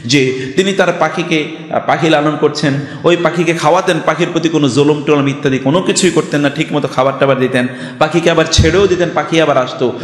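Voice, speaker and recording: A man's voice: on the high side, fast. An older man from Bangladesh giving a Friday sermon, emphatic, full of rhetorical questions and storytelling. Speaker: preacher. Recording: echoey hall reverb.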